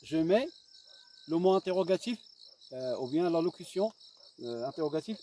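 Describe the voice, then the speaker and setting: Un homme enseignant donne une leçon de grammaire avec un marocain, lentement, en répétant et en marquant des hésitations. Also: male voice, on the high side, expressive, mellow. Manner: slow, deliberate, dictating and repeating, with fillers. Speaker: primary school teacher. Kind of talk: grammar lesson. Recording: distant mic with faint insect noise.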